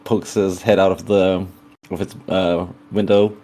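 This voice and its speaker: Low-voiced, tentative man at a tabletop game. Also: little pitch movement, measured pace, warm tone. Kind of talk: casual tabletop role-play chat.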